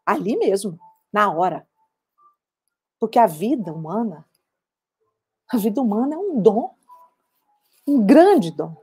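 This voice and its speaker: An actress playing an older woman war veteran who recounts her memories in a measured, reflective dramatic monologue. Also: mid-range voice, dark tone, slightly rough.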